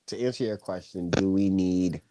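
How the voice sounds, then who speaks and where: A man co-hosting a podcast in casual chat, laid-back and laughing easily, with drawn-out hedging. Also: deep voice, mellow, slight background noise, poor audio.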